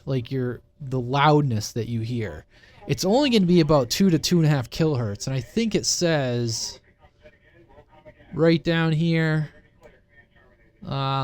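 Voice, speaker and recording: Sitting at a computer and sharing his screen, this presenter explains radio tech in an informal, unscripted, rambling way, returning again and again to his key point. His mid-range voice has lively intonation, a darkish tone, and a slightly slow pace.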